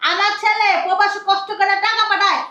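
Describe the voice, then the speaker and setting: An actress playing a loud, accusing mother-in-law in a family drama. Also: extremely high pitch, level tone, fast, reverberant, lo-fi sound. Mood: angry. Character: scolding accusing mother-in-law, middle-aged woman.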